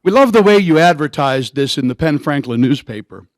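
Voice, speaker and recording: A man's voice: on the high side, expressive, a little fast, no echo. A middle-aged man giving an emphatic, indignant public comment at a council meeting.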